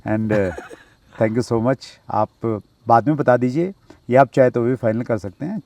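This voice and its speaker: Man, polite interview host, middle pitch, dry close mic. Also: a little slow, a little mellow, dry recording. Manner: attentive, polite, frequent affirmations, addresses guest as sir.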